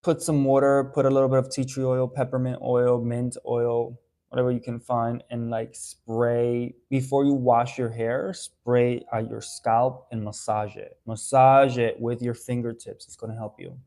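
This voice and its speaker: A young adult man from the Dominican Republic who owns a haircare brand chats casually on a live stream, answering viewer questions. His voice is medium-pitched, level and dark, a little slow, full of fillers and restarts.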